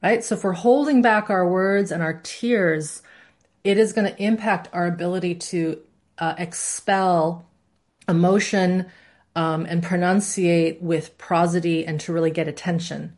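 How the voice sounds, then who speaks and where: A woman's voice: fairly low pitch, steady tone, measured pace, darkish tone. A woman instructor teaching a live class in a conversational way, often checking in with her students. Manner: conversational, asks the class questions, demonstrates voices. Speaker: course instructor.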